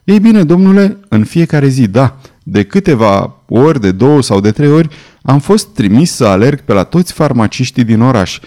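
A man's voice: medium pitch, big pitch swings, mellow, natural voice. A man voicing a frightened, loyal male butler who talks in an urgent, pleading way in an audiobook. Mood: insistent.

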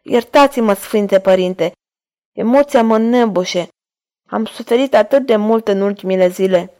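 A woman voicing a frightened, pleading young woman in a storybook reading, emotional and raised in pitch. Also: a little mellow, close to an everyday voice. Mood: hopeful.

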